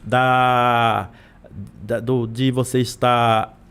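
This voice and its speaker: A man's voice: mid-range voice, flat delivery, very slow, a bit bright, smooth. A man from Brazil, a literature professor, talking as a guest in a podcast interview, full of restarts and repeated words.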